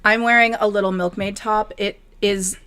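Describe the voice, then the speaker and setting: Speaking over a video call from a hot apartment in the city, this middle-aged northern Wisconsin woman co-hosts a relaxed conversation and designs knitwear. Her medium-pitched voice is bright and forceful, fairly even in intonation, at a moderate pace. She chats freely, pokes fun at herself, and laughs a lot.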